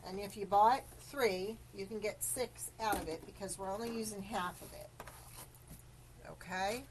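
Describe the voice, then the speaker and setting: A woman's voice: mid-range voice, measured pace, slight background noise, low-quality recording. A woman hosting a live craft tutorial, explaining each step in a chatty way, greeting viewers and coughing now and then. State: coughing after choking. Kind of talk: live-streamed craft demonstration.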